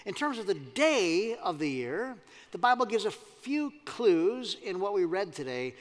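A man's voice: sits high, big pitch swings, unhurried. A man preaching a sermon as pastor, talking conversationally and putting questions to the congregation. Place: church sanctuary. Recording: long hall reverb.

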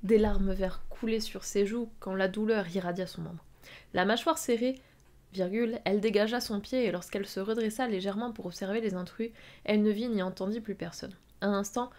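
A woman reading an amateur story aloud on a live stream, at a mid pitch for her. She keeps stopping to mock the text with dry, sarcastic asides. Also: a little mellow. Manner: reads with frequent sarcastic asides and laughs.

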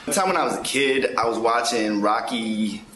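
A man's voice: mid-range voice, normal speed, roomy sound, rough recording. Man in his twenties telling a story. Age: 20s. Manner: rambling, lots of "like". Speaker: interviewee. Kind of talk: casual storytelling. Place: indoors, plain wall.

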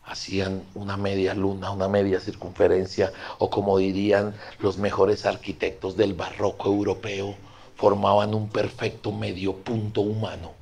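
A Colombian man doing improvised stand-up, acting out family members and swinging from loud lines to whispers. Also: on the low side, flat delivery, normal speed, creaky. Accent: Colombian Spanish. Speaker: stand-up comedian. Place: live comedy stage before an audience.

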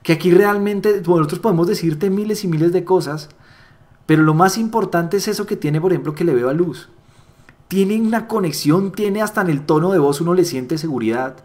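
A man's voice: high-pitched, brisk. A man giving a motivational training talk on sales and networking, repeating key phrases for emphasis. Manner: animated, acts out little dialogues with voice shifts.

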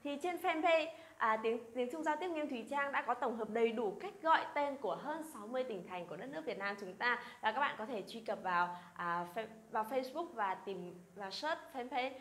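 A woman's voice: a little high, expressive, fairly bright tone, slight background noise. Woman teaching in an echoey room. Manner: slow drilling of example phrases, coaxing questions. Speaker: Chinese teacher. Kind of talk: language lesson.

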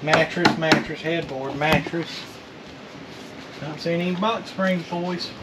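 A man's voice: a little high, fairly even intonation, slow. A man in his thirties chatting casually to a camera as a vlog host, joking and teasing in a folksy way. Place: inside a metal storage unit. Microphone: camera a few feet away. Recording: noisy, distant from the mic.

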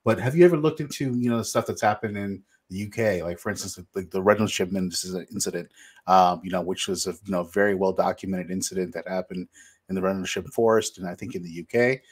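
A man's voice: low voice, quick pace, breathy edge. A man co-hosting a live talk show, asking a meandering question full of "you know"s. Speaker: co-host. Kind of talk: casual interview questions.

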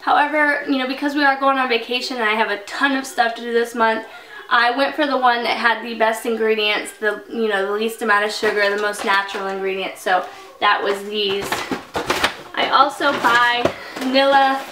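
Young female vlogger, bright-ish chatty delivery, roomy kitchen, camera mic some way off with background noise. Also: on the high side, moderate pace. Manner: chatty and animated, holding up items. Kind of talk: casual grocery haul talk. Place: home kitchen, indoors. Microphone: camera mic from a few feet away. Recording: echoey room, distant mic, noisy.

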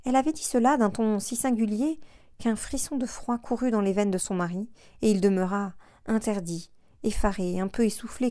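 Warm-voiced woman reading a novel aloud. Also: medium pitch, dry recording, studio quality. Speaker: audiobook narrator. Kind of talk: scripted narration.

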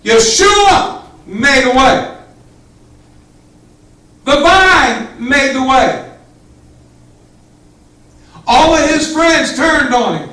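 A male pastor delivers a Pentecostal sermon to a small congregation in a church sanctuary, fervent, emphatic and expressive, rising to shouts as he addresses them directly. His voice is very high and his delivery slow. The recording is highly reverberant, captured far from the camera in an echoey church hall.

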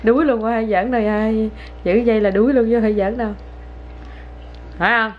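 A woman's voice: a little high, steady tone, normal speed, muffled recording, faint music behind. Chatty young mother coaxing her toddler. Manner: chatty, coaxing, sing-song talk to a child. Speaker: vlogger, mother. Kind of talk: casual chat to camera with her toddler.

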